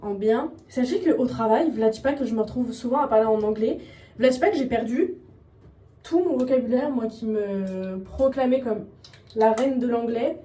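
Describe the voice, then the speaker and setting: A woman's voice: a little high, moderate pace, warm tone, recorded from a distance. A young woman vlogging casually at home while getting ready, rambling and self-mocking in slangy talk. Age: young adult. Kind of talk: casual vlog chat. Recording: echoey room, voice off-mic, faint background noise.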